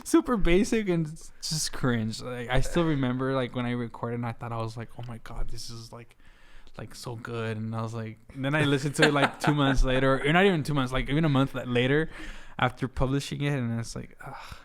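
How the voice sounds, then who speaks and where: A man's voice: medium pitch, a little fast, clean tone. A man of about twenty, from Juarez, Mexico, a guest musician chatting loosely in an interview, with many fillers and restarts. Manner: rambling, laughs easily, many fillers and restarts. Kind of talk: casual interview chat.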